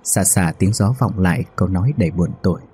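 Guy narrating a ghost story, very husky, mellow, faint music behind. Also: deep voice, fast.

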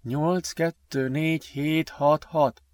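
A man's voice: fairly high pitch, steady tone, no echo, studio quality, pitched above the performer's own voice, lightly acted. A determined teenage boy in an audiobook, tense and pressing, his voice lifted a little above normal talk, played by a man. He sounds keyed-up and focused. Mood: muttering. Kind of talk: audiobook character voice.

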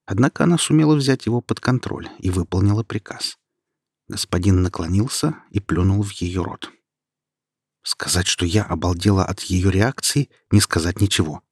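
Low husky guy reading a story aloud, steady, dry close sound. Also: no echo. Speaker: narrator. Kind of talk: audiobook reading.

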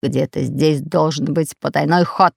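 A woman voicing a fat, red-bearded, bossy pirate captain in an audiobook, speaking in a gruff, commanding way. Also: deep voice, steady tone, unhurried, dry recording, clean studio sound, full character voice. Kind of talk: audiobook character voice.

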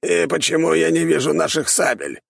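A man voicing a grumpy, sickly old male mentor who scolds his pupil in a hoarse, wheezing voice. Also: fairly high pitch, lively intonation, normal speed, no echo, clean studio sound, pitched above the performer's own voice, heavily acted. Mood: outraged. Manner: gruff and scolding. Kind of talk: audiobook character voice.

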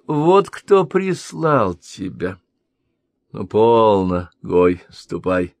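A willful, haughty princess insists on her rank, played by a man reading aloud. The voice is pushed higher than his own and delivered slowly and deliberately. The recording is dry and close. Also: no echo. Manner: haughty, raised pitch. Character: proud willful princess, haughty and quick-tempered.

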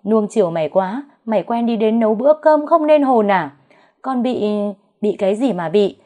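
A woman voicing a stern older mistress of the house who scolds a servant with shouted insults. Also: fairly low pitch, moderate pace, lightly acted. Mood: furious scolding.

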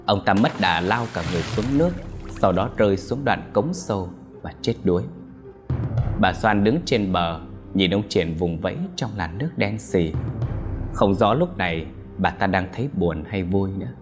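A man narrating a dark village story in an expressive, dramatic way. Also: deep voice, moderate pace, music in the background.

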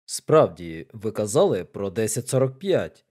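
A man voicing a loud, blustering older military colonel who speaks abruptly and exclaims. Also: lowish voice, sing-song, measured pace, voice pushed down.

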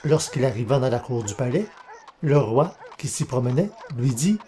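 A man reading a folk tale aloud as narrator, in a measured, even storytelling manner. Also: mid-range voice.

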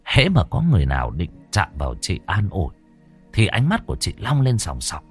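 A man narrating a horror audiobook in a dramatic, expressive storytelling manner. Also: low voice, fairly quick, breathy edge, soft background music. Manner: expressive, rising and falling storytelling.

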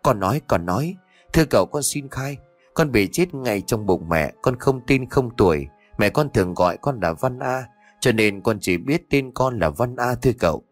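A man's voice: medium pitch, animated, moderate pace, dry recording, soft background music, lightly acted. A man voicing a defiant demon spirit possessing a boy in an audio story, taunting and wailing. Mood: wailing, accusing. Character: defiant young demon spirit, sly then pleading.

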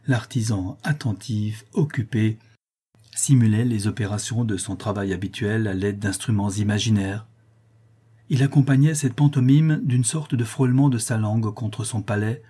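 A man narrating a classic novel in a measured, expressive audiobook reading. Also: lowish voice, slightly rough. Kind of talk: scripted literary narration.

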